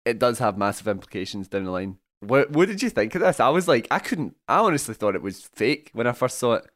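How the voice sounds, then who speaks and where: A man's voice: mid-range voice, very animated, quick pace, a bit bright, no room sound, studio quality. A young Scottish man hosting a film podcast, joking and laughing often, chatty and rambling. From Scotland. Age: young adult. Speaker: podcast host. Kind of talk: casual film podcast chat.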